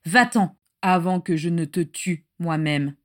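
A woman reading a story aloud, voicing a young dark witch who barks orders in a choked, tearful voice. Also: lowish voice, measured pace, natural voice. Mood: fierce. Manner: shouted commands, choked with tears. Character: young female dark witch, torn and fierce.

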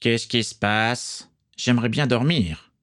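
A man's voice: mid-range voice, slow, a bit bright, pitched above the performer's own voice. A man voicing a cold, commanding male vampire ship's officer who hisses his orders in a storybook reading. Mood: stern. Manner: stern, commanding, hissing.

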